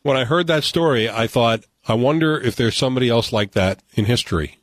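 A man's voice: medium pitch, brisk, no room sound. Dry-sounding American male radio host. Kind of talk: broadcast talk, storytelling and game hosting. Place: radio studio. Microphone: close studio mic.

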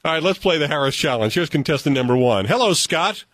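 An American man hosting a radio show, telling stories and running a game in an animated, conversational way. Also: on the high side, fast, dry recording. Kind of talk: broadcast talk, storytelling and game hosting. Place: radio studio. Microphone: close studio mic.

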